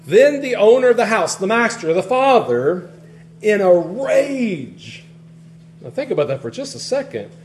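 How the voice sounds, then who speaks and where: A man preaching a sermon in a conversational, animated way, often restarting phrases and swinging between loud and soft. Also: high voice, brisk, few pauses, soft background music. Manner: conversational, animated, frequent restarts, varies loudness widely.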